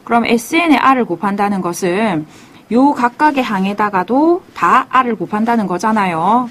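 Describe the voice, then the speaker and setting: A woman math teacher with a mid-range voice lectures step by step, referring to herself as "teacher" and posing questions she then answers herself.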